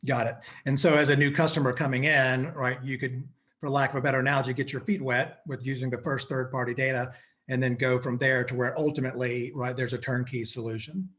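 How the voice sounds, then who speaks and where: Male interviewer, brisk and chatty, filler "right"s; lo-fi muffled audio. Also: medium pitch, fairly even intonation, fairly bright tone. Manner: quick, uses "right" as filler. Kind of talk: investor interview questions.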